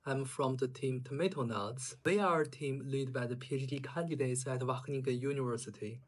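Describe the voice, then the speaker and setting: A man introduces his team in a scripted video. He reads it briskly in a plain, mid-pitched voice. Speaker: team member.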